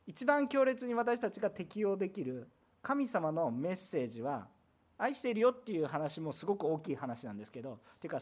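Animated, emphatic Japanese-speaking pastor. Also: mid-range voice. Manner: emphatic, with loud bursts and rhetorical questions. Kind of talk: sermon.

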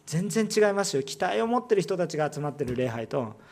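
Animated preaching man, Kansai accent. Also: fairly high pitch, fairly quick, creaky, slight background noise. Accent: Kansai Japanese. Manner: animated preaching, swinging between loud emphatic and hushed lines; rhetorical questions to the congregation. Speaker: pastor. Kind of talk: sermon.

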